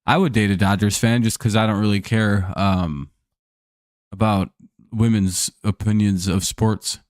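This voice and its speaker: This baseball streamer speaks a bit slowly at a fairly low pitch with a steady tone, in clean studio audio with no echo. He's relaxed and full of jokes, doing casual play-by-play and chatting with his audience between plays, though his voice sounds somewhat tired after a full day of talking.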